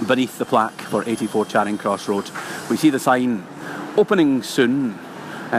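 A man narrates a walking tour while standing on a busy city street, his phrasing formal and measured and broken by frequent hesitant pauses. His pitch sits in the middle of the range. Clear traffic noise runs behind the recording. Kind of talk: on-location podcast narration. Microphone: handheld recorder on location.

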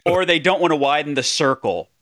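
Male co-host, bright tone, short witty interjections. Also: on the high side, animated, no echo, studio quality. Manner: quick quips and short agreements. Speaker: podcast co-host. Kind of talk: casual podcast discussion.

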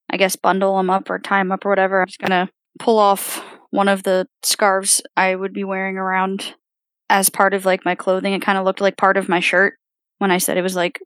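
A woman's voice: mid-range voice, a bit bright, no room sound. A woman playing a tabletop game, casually describing her character's actions.

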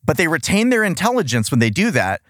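Animated, exasperated man in casual review chat. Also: on the high side, fast, dry recording, studio quality. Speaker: podcast co-host.

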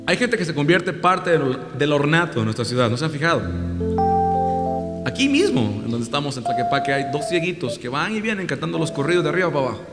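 A man's voice: fairly high pitch, sing-song, fast talker, music in the background. A man with a Mexican accent preaching a sermon in a colloquial, joking way, in a hall with long reverb.

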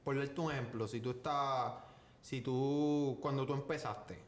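A man's voice: steady tone, a little slow. A man hosting a podcast, joking and rambling, often restarting his sentences. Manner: joking, rambling, self-interrupting. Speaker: podcast host. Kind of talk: casual chat. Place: podcast studio. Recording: echoey room with faint rumble.

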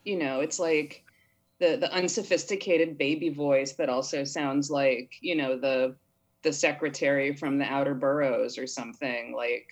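Low-voiced, wry woman. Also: steady tone, normal speed. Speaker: panel guest.

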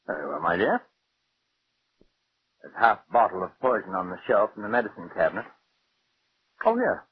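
In a 1940s radio drama, an actor plays a dying husband who taunts his wife suavely in theatrical, mock-affectionate tones. His voice is fairly low with big pitch swings at normal speed, and the old recording is muffled and hissy.

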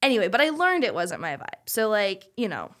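A woman's voice: mid-range voice, very animated, fairly quick, a bit bright. A young woman in her twenties, a former college swimmer, chatting candidly as a podcast guest and filling her talk with "like". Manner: heavy use of "like", chatty and candid. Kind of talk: casual chat.

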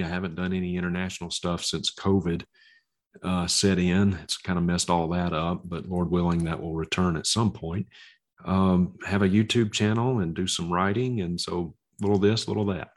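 A man's voice: deep voice, fairly even intonation, normal speed. A man with a Southern US accent and a drawl, an evangelist talking conversationally as an interview guest. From Mississippi, US.

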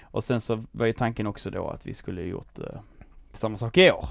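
Gravelly Skåne man, hesitant. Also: lowish voice, no room sound, clean studio sound. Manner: hesitant, many fillers. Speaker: musician guest. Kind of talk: casual chat.

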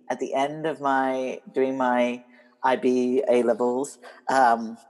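Husky young man, casual. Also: mid-range voice, darkish tone, poor audio. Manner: friendly, reactive, with quick laughs and fillers. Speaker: podcast co-host. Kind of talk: casual chat.

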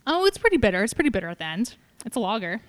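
Woman co-host, casual beer-tasting chat, smooth clear voice, dry close sound. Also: a little high, racing, dry recording. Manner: relaxed, laughs often, tasting and reminiscing. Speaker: podcast co-host.

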